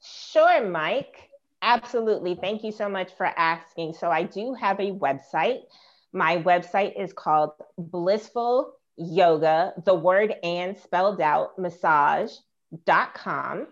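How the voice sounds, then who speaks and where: An American woman, a yoga teacher, talking as a guest in a relaxed, conversational way. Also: on the low side, slow, muffled recording. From United States. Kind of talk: casual interview chat.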